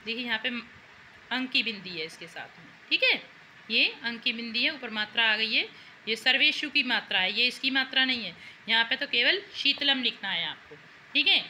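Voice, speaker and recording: Bright-voiced woman teaching Sanskrit. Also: fairly high pitch, animated, normal speed, a little hiss or hum, poor audio. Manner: patient, repeats and asks questions to the class. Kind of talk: explaining worksheet answers to students.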